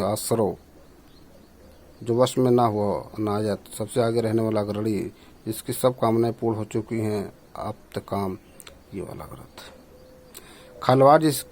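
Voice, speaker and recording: A man's voice: mid-range voice, darkish tone. Man teaching grammar for exams. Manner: explains step by step, checks answers aloud. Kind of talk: exam prep lesson.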